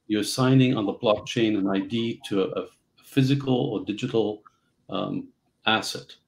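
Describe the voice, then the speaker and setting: A middle-aged man from Central Africa, telling his story as a guest on a video call, halting with many fillers. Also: on the low side, creaky, poor audio. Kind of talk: casual interview storytelling. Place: home office.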